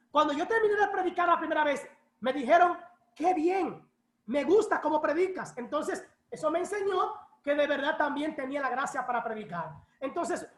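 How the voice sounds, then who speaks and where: Woman pastor with a high voice, preaching a lively testimony, echoey church hall. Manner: lively storytelling, acts out quoted voices.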